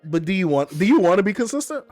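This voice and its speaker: Guy streaming, fired up and arguing, kinda higher voice, dry mic. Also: quick pace, no echo, faint music behind. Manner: animated, argumentative, repeats himself. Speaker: streamer host. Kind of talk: casual stream chat.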